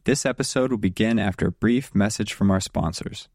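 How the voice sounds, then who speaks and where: A man introduces a podcast in a plain, measured scripted read. His voice is fairly low and the sound is dry, with no room echo. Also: a little mellow. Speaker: podcast host.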